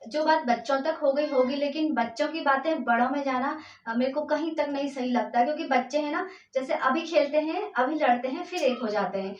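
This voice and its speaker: A woman's voice: high-pitched, a little fast. A woman vlogger and mother telling a personal story at home, emotional and rambling, with many fillers and restarts. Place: room at home. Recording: echoey, distant, dull lo-fi sound.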